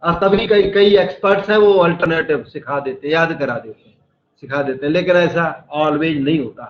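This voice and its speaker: A man's voice: fairly high pitch, moderate pace. A male maths teacher giving a lecture in a classroom, explaining step by step and quizzing his students. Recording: echoey room, slightly dull sound.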